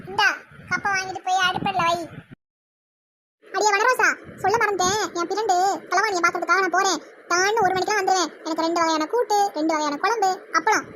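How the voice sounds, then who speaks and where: A shrill, very high-pitched old mother-in-law from a cartoon, voiced by a woman, who nags and bosses everyone in a broad Tirunelveli Tamil accent. Her voice sits far above ordinary speech, and a steady background hiss runs under it. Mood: scolding. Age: older. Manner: scolding, sharp-tongued, bossy. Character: grumpy bossy old mother-in-law, nagging.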